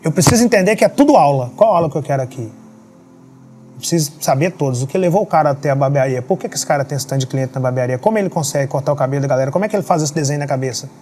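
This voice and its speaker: A man's voice: fairly high pitch, animated, rapid-fire, a little mellow. A man, a podcast guest telling motivational stories in an emphatic way, full of rhetorical questions. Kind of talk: motivational storytelling. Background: faint background music.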